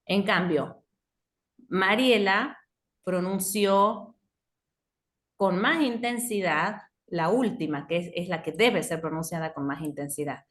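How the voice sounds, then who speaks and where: A woman's voice: fairly low pitch, slow. A woman with an Argentine Spanish accent teaching phonology on a video call, switching between Spanish and English and checking often that students follow. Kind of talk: online class explanation.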